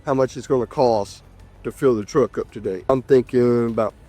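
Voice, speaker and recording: A man's voice: mid-range voice, moderate pace, mellow, soft background music. A man with a nasal, stuffed-up voice from being sick, chatting casually and folksily to viewers as a trucker vlogger. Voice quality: nasal, congested. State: sick with a cough and congestion. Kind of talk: casual vlog chat to viewers.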